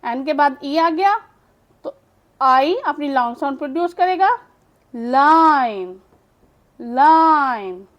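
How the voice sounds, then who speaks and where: A woman's voice: high-pitched, normal speed, long pauses, lo-fi sound. A woman English teacher giving a phonics lesson, patiently explaining and repeating each word aloud for practice. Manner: patient explaining, mixes English words into speech.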